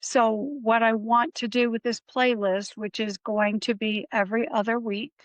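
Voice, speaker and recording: A woman's voice: a little high, flat delivery, normal speed, no room sound, low-quality recording. A woman hosting an interview podcast, explaining in an earnest way and often restarting her words. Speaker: podcast host. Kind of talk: conversational interview.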